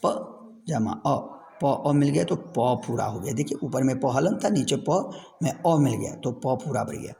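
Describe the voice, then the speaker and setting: A man's voice: medium pitch, expressive, a little slow, creaky, warm tone, in a large hall. A middle-aged man teaching a Sanskrit lesson to children, patiently repeating each word and asking questions. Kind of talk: classroom lesson over a screen recording.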